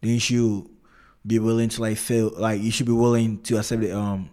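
A young man with a lowish voice and very little melody in it. He talks in a slangy frat-bro manner, casual and rambling, circling back over his phrases as he chats. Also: little pitch movement, normal speed, dark tone. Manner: frat-bro slangy talk, constantly saying "bro"; rambling, repetitive, loose phrasing. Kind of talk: casual conversation.

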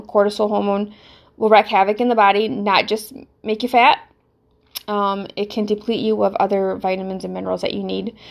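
A middle-aged woman with a Southern US accent hosts a casual solo fitness podcast as a fitness coach, rambling and thinking aloud with plenty of fillers. Her voice is medium-pitched and gravelly.

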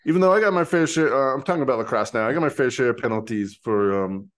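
A man in his forties rambles through a casual sports chat with lots of restarts and easy laughter. His voice sits at a middling pitch, and he talks in an animated, chatty way. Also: quick pace. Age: 40s. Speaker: podcast co-host.

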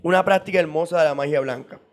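A man's voice: a little high, fast talker. A man explaining in casual interview talk, at length, with frequent repeats and restarts. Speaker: guest on esoteric topics.

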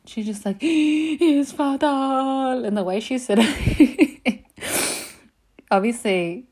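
A woman telling personal stories in a casual, animated way, swearing freely and saying "like" a lot. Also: medium pitch, slow pace, slight background noise. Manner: animated, profane, lots of "like". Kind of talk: casual storytelling.

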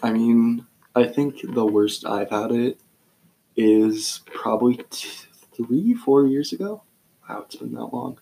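A teenage boy co-hosting a podcast in casual chat, relaxed and rambling, sometimes searching for words. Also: medium pitch, takes it slowly, creaky, poor audio. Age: teens. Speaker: podcast co-host.

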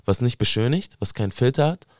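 A man hosting a podcast who talks in a relaxed, slangy way with many fillers. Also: mid-range voice, quick pace, no echo, studio quality. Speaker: podcast host. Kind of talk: casual chat.

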